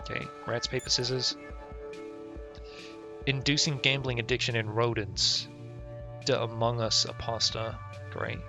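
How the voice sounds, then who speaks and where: Speaking flatly and a little slowly, with frequent pauses, a man with a mid-range voice reads a game's text aloud during a live stream. Game music plays behind him while he drops casual, sweary asides.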